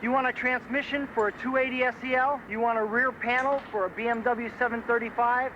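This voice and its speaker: A man's voice: very high voice, steady tone, a little fast. An actor playing a wary, blunt male auto parts dealer, from a film soundtrack. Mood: suspicious. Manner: suspicious, blunt. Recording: dull film soundtrack with loud background noise.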